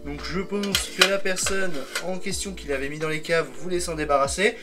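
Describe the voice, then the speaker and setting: A man's voice: sits high, steady tone, normal speed, bright, forceful tone, soft background music. Rambling French-speaking man, tech vlog. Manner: rambling, self-correcting, fond of "donc". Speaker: tech video creator. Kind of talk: casual hands-on tech vlog.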